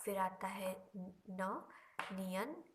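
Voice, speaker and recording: Slow, patient woman teacher. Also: mid-range voice, lively intonation, slight background noise. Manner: slow, patient explaining with drawn-out examples. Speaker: language teacher. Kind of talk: Korean lesson explained in Hindi.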